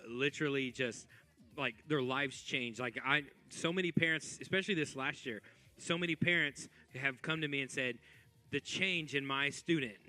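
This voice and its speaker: A man's voice: medium pitch, sharp tone. A man who is a youth pastor, talking earnestly during a hot wings challenge, with many fillers.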